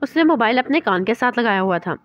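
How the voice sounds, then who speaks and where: A woman's voice: on the high side, expressive, highs cut off. Woman narrating a romance novel. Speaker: novel reader.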